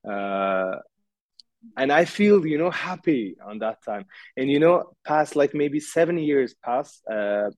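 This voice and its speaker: A man from Uzbekistan, a podcast guest telling his own life story haltingly, with many pauses and restarts. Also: mid-range voice, lively intonation, a little mellow, dry recording. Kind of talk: emotional personal storytelling.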